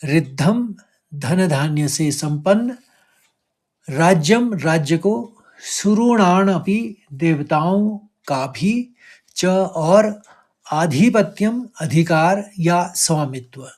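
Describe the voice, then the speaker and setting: A man teaching recitation, chanting verses slowly and breaking words into stressed syllables, then explaining quickly. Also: a little high, animated, a little mellow.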